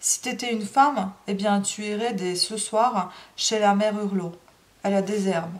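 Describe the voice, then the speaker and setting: A woman reading a novel aloud, voicing a bitter, grieving peasant gardener with rough, angry speech. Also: high voice, fairly even intonation, unhurried, recorded from a distance.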